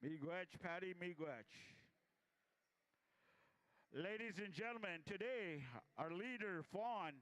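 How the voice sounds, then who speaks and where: A man's voice: high voice, slow, long pauses, fairly bright tone. A man working as a powwow emcee, announcing and introducing people ceremonially to an audience, drawing out names and rallying applause.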